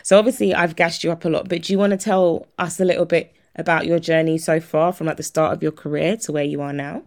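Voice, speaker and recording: Woman host, low voice, friendly and laughing, interviewing a friend. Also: steady tone, fast. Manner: warm, laughs often, friendly. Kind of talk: reading an introduction, then casual interview.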